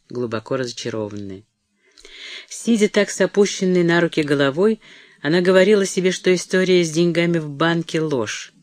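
A man narrating a novel in a measured, literary reading voice. His pitch sits a bit high. The recording is dry and close. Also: no echo. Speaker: audiobook reader. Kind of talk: scripted narration.

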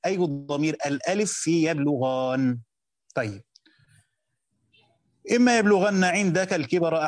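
A man with an Egyptian accent teaching a lesson on a classical text, reading passages slowly and then explaining them in quick colloquial asides while quizzing his students. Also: medium pitch, a little mellow. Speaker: teacher of Quran commentary.

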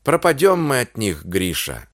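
A man's voice: lowish voice, huge pitch swings, a little slow, fairly bright tone, dry recording, studio quality, full character voice. A man voicing a weary, complaining Cossack peasant woman in an audiobook reading. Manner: plaintive, complaining.

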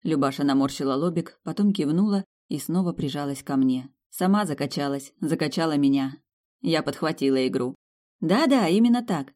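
Female audiobook narrator; sardonic, lively first-person storytelling. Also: low-pitched, a little fast. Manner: sharp, sardonic storytelling with lively acted asides.

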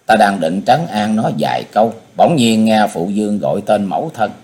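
Fields: expressive male audiobook narrator. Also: lowish voice, moderate pace. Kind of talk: scripted martial-arts novel narration.

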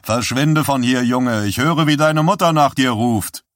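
A man voicing a gruffly kind grown man who calls out to a child with a raised voice, in an audiobook. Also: mid-range voice, a little slow, a bit bright, no room sound, studio quality, pitched above the performer's own voice, close to an everyday voice. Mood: calling out.

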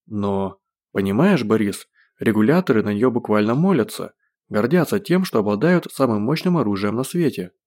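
A man reading an audiobook, voicing a scheming, self-pitying captive who talks softly and plaintively. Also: lowish voice, expressive, normal speed. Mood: wheedling.

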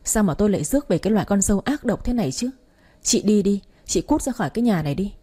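A woman's voice: mid-range voice, expressive, fast, dark tone, slightly rough. A woman reading the part of a stern older father-in-law, in a cold, scolding way.

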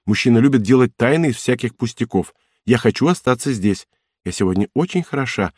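A man's voice: mid-range voice, lively intonation, a little fast, darkish tone, slightly rough, no room sound, clean studio sound. A man reading an audiobook, voicing Cosette, a playful young wife who pouts, teases and pleads in a capricious way. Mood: teasing indignant. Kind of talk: audiobook character voice.

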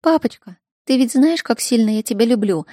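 A woman reading a story aloud, voicing a sweet young princess who pleads in a high voice. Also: expressive, a little fast, warm tone, no echo, clean studio sound. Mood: tender.

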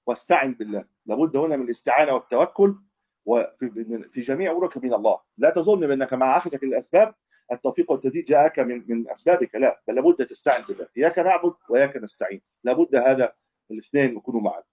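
A man explains religious texts at a rapid clip, his voice dark and husky. He keeps restating each point and correcting himself mid-phrase as he teaches. The recording sounds dull and lo-fi. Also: medium pitch, lively intonation. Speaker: Islamic scholar teaching hadith. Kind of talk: religious lesson commentary.

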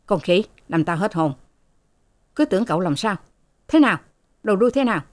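A woman's voice: medium pitch, animated, fairly quick, natural voice. A woman voicing a bossy, harsh rich mistress who scolds her servants in a haughty manner, in a storybook reading. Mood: scolding.

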